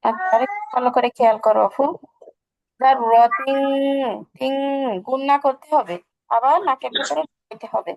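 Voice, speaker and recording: High, gravelly female tajweed teacher. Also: fairly quick, muffled recording. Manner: patient, asks questions and answers them herself. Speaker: Quran recitation teacher. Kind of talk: online tajweed lesson.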